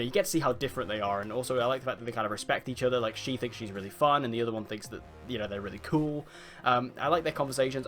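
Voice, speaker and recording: Fast-talking man rambling an episode review. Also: mid-range voice, a bit bright. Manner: rambling, filler-heavy, says "like" often. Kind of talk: casual spoken review.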